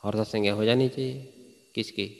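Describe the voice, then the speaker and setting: A man's voice: fairly low pitch, fairly even intonation, a little fast, gravelly, darkish tone. A male teacher explains Sanskrit grammar to a class in Hindi, stopping often to ask his students whether they follow. He recites sutras, then explains them plainly. His voice carries a long reverb, as in a large hall. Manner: asks students frequent check questions. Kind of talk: classroom lecture.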